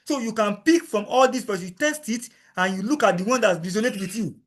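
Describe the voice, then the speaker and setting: An instructor walks through a screen-recorded software lesson in a voice that is high for a man. He moves slowly, explaining every click and repeating himself so no one gets lost.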